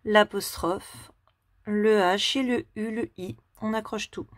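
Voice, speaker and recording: A woman teacher giving a slow, step-by-step handwriting lesson to a young child. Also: mid-range voice, fairly even intonation, no room sound, clean studio sound.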